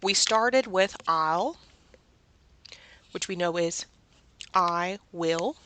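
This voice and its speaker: A woman's voice: on the low side, extremely slow, bright, forceful tone, a little hiss or hum. A woman with a Southern US accent teaching a children's reading lesson, patiently asking questions and answering them herself.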